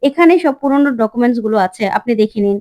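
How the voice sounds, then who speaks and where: A woman's voice: on the high side, fast, warm tone, highs cut off, lightly acted. A woman voicing a nervous male security guard who fears losing his job in a retold serial. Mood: nervous cautious.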